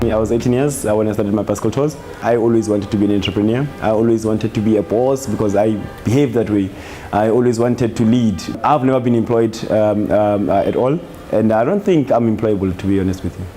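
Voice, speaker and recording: Slow, halting South African man. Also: lowish voice, warm tone, faint music behind. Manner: halting, repeats words, slow and deliberate. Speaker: tour company owner. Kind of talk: documentary interview.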